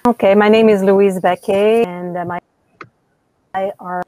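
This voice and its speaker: A woman panel guest speaking over a crackly call connection that breaks up and fades in and out, her phrases halting and cut off. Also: mid-range voice, steady tone, dark tone, no echo. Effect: crackly, breaking-up call audio fading in and out. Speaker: campground operator panel guest. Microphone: video call.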